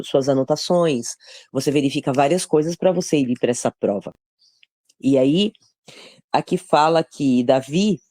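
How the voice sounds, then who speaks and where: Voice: mid-range voice, warm tone, no room sound, clean studio sound. A study leader explaining a chapter conversationally, step by step, often checking in with listeners. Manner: conversational, explains step by step, frequent tag questions. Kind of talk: casual Bible teaching.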